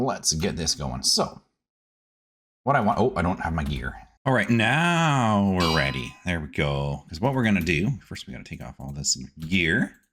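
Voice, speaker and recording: A man's low voice, a bit bright with a breathy edge, narrates a casual let's-play. He's the gaming host, playfully talking to himself while he plays and dropping in silly words and sing-song asides.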